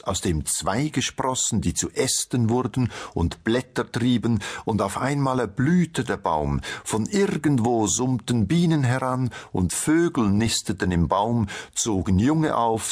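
A man narrating a storybook tale with a low, husky voice. His telling is slow and unhurried, and his pitch rises and falls expressively. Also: a little mellow. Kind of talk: storybook reading.

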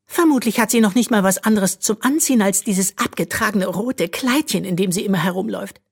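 A spoiled young princess girl, put on by a woman reading a storybook, sneers at everyone around her. Her voice sits high and loud above the reader's own, husky at the edges, and it drawls out the words she wants to sting. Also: wildly swooping pitch, unhurried, exaggerated voice. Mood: haughty, mocking. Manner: mocking, stuck-up.

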